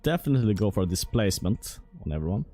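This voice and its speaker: A man's voice: lowish voice, big pitch swings, rapid-fire, warm tone. A man casually commentating as he plays a role-playing game, thinking aloud about tactics. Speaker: gameplay commentator. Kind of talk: let's play commentary.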